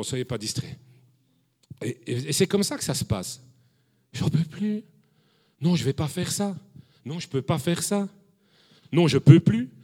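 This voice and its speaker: A man preaching a sermon to a congregation, animated, often repeating words and asking the listeners questions. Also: mid-range voice. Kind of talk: lively sermon.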